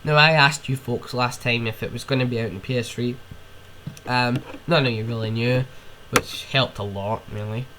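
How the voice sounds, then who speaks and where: His medium-pitched voice is steady, bright and forceful at a moderate pace, with a little hiss or hum in the background. He's a young podcast host, sick with a cold, ranting on his own in rambling, casual talk full of sniffs and swearing.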